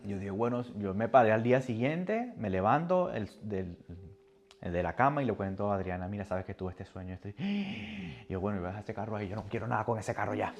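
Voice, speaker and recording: A man preaching a sermon with a personal testimony, animated and moving between soft and loud. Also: fairly low pitch, a little fast, muffled recording.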